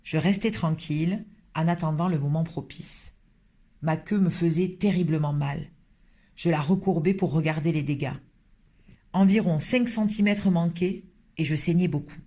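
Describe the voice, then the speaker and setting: Male audiobook reader for a children's novel, high voice, lively delivery. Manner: lively, expressive storytelling. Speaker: audiobook narrator. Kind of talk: scripted narration of a children's novel.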